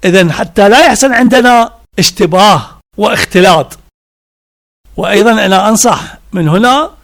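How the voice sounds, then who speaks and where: A man giving a religious lecture, slow and deliberate, stacking synonyms one after another with emphatic repetition. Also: high voice.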